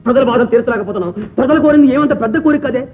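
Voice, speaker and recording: A man's voice: very high voice, very fast, narrow, tinny audio, a little hiss or hum. An actor playing a despairing king lamenting dramatically, in a thin, echoing old film soundtrack. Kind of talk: 1960s film acting.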